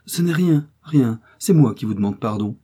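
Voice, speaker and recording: A man's voice: mid-range voice, animated, normal speed, warm tone, slightly rough. A man voicing a charming young woman who pleads and teases playfully. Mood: coaxing. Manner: coaxing, pleading, teasing.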